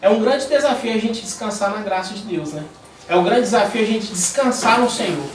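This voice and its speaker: A man's voice: high-pitched, a little fast. A man leading a small church cell group, giving an informal sermon with a personal testimony, telling it animatedly with frequent fillers and restarts. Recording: echoey room, distant mic, faint noise.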